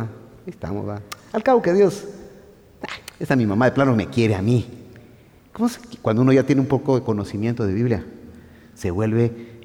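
A male preacher, giving a fervent sermon that swings from loud declarations to hushed asides. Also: medium pitch, gravelly, long reverb tail.

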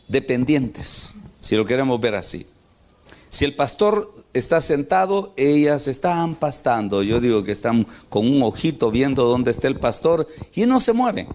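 A man's voice: medium pitch, darkish tone, slight background noise. A middle-aged man preaching a sermon, telling stories and putting questions to his congregation. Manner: storytelling, asks the congregation questions.

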